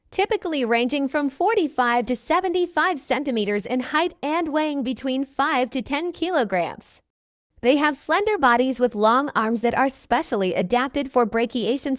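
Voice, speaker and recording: High-pitched woman narrating a nature documentary. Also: no echo, studio quality.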